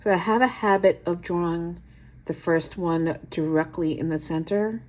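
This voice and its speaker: A woman's voice: lowish voice, moderate pace, darkish tone. A woman with a New York accent hosting a nail art tutorial, talking through each step with chatty, self-deprecating asides.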